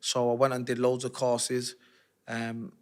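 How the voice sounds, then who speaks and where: A man, an interview guest telling his life story in a candid, animated, slangy way. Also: mid-range voice, measured pace, clear, resonant tone. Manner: streetwise, animated, slangy retelling with acted-out quotes.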